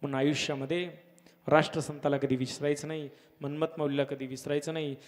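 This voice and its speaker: A man preaching a devotional kirtan sermon at a village gathering, fervent, swelling to loud exclamations. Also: a little high, level tone, fast talker. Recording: long hall reverb with harmonium and tabla.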